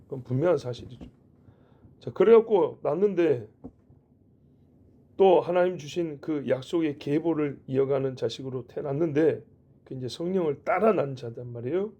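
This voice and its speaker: A man's voice: a little high, normal speed, dark tone, muffled recording. A middle-aged male pastor giving a sermon in a conversational way, asking rhetorical questions and making joking asides. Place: church.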